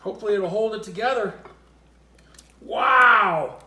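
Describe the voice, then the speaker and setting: A man's voice: high voice, a little slow, echoey room, background noise. A man co-hosting a cooking show, explaining the steps in upbeat, joking banter. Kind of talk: casual cooking demo banter.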